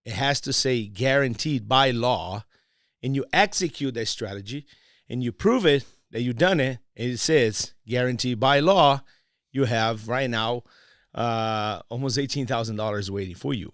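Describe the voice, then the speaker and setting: A Brazilian man who speaks Portuguese with a Brazilian accent appears as a guest on a casual podcast interview, his medium-pitched voice fairly bright at a moderate pace. He starts playful and teasing, then turns earnest and persuasive. The studio sound is clean, with no room sound.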